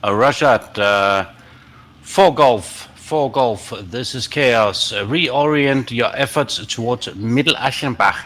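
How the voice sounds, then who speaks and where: A man commanding a team in a military simulation game, giving deliberate, halting tactical orders in formal radio procedure. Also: mid-range voice, fairly bright tone.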